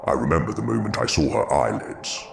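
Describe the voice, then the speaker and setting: A very deep, gravelly brooding monster. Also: male voice, heavily acted. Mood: haunted, mournful. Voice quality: gravelly, breathy at times. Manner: slow, solemn, terse phrases. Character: Frankenstein's monster, a mournful, brooding, philosophical male creature. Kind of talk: dramatic audio drama dialogue. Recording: noisy background ambience.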